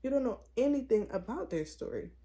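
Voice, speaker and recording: A woman's voice: fairly high pitch, fairly quick. A young woman hosting her own channel, chatting casually and with conviction, full of "like" and "it's like". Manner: animated, opinionated, lots of "like" and "it's like". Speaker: vlogger host. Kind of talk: casual chat to camera.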